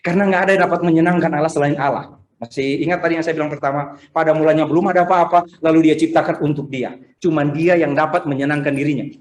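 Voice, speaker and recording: Male pastor, conversational sermon with acted-out quotes, slightly high voice, echoey room. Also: steady tone, fast. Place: church service streamed over video call.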